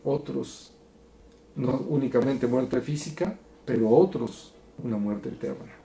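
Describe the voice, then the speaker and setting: A man teaching a Bible study in an earnest, preacherly way, going from soft to emphatic. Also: medium pitch, measured pace, vocal fry, slight background noise. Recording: echoey room.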